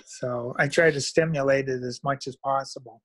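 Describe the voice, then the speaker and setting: Speaking into a phone at arm's length on a video call, a retired older man and model railroad hobbyist chats as a meetup guest, wandering off into filler phrases as he rambles. His voice is mid-range, steady, and a little bright, at normal speed, with a dry sound.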